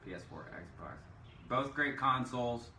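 A man's voice: mid-range voice, lively intonation, a little slow, bright, forceful tone. A man chatting casually on a band livestream, laid-back with hesitant fillers. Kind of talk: casual chat. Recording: noisy echoey room, far from mic.

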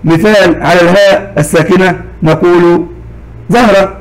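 A man teaching a recorded lesson to young children, slow and patient, saying each example word twice. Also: high-pitched, steady tone, poor audio.

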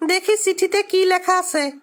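A woman playing a gentle, affectionate mother speaking softly to her young son. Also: very high-pitched, steady tone, a little slow. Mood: tender. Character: loving tender mother of a young boy.

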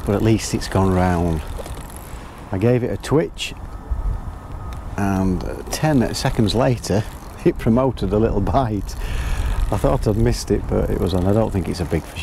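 A middle-aged man vlogs from a lakeside, chatting easily to camera about what he intends to do while fishing. His mid-range voice is a little mellow, and there's slight background noise.

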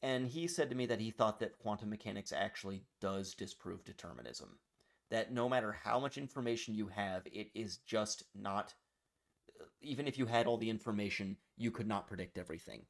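A man's voice: fairly low pitch, expressive, fairly quick, vocal fry. A man co-hosting a podcast in casual chat about a book, rambling with self-deprecating, profane humor. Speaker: podcast co-host.

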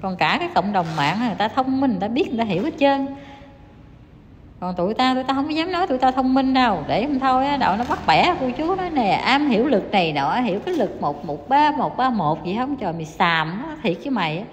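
A woman delivers a heated, scolding monologue and taunts her target over and over. Her voice sits a little high, and it rings with a long reverb over faint background noise. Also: sing-song, fast. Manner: scolding, taunting, repetitive and emphatic. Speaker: YouTuber ranting to viewers.

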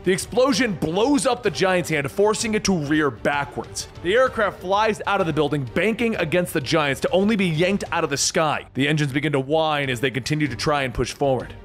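A man's voice: a little high, lively intonation, brisk, few pauses, fairly bright tone. A man narrating a comic-book story in a dramatic, scripted style. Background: music bed.

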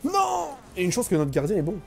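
Young male streamer, mellow fairly high voice, self-mocking live game chatter over faint music. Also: very fast. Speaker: gaming streamer. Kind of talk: live gameplay commentary.

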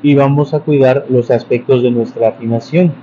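A man's voice: medium pitch, fairly even intonation, normal speed, mellow, husky. A man giving a casual singing lesson, explaining patiently with many restarts and examples. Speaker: church music and singing teacher. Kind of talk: casual vocal lesson with sung demonstrations. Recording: dull, slightly lo-fi sound with faint noise.

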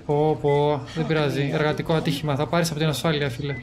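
A man's voice: on the high side, little pitch movement. A man from Greece giving playful, teasing commentary while playing a video game. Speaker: gaming channel host. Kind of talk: joking let's-play commentary. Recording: voice over game music.

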